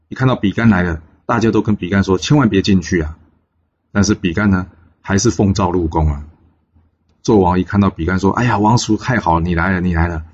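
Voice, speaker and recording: Guy telling an old legend, deep husky voice, dull lo-fi sound. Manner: lively, chatty, with many filler particles. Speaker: storyteller. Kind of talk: oral storytelling of a folk legend.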